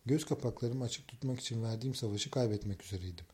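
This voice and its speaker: An audiobook narrator with a mid-range voice reads a novel aloud in scripted first-person narration. His delivery is even and measured.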